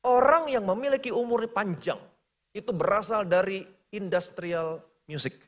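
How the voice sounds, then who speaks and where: A male pastor with a high voice preaches in a church, telling his story dramatically and slipping in English phrases. His voice alternates between hushed and ringing. It carries a long reverb from the large church hall. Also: normal speed. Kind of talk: sermon.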